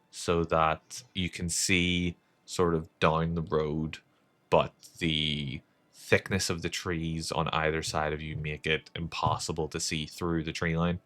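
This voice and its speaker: A man with a very low voice narrates as dungeon master for a tabletop game. He talks slowly and evenly as he lays out the scene. He sounds like he is on a voice call from home. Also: a bit bright. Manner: slow, measured scene-setting.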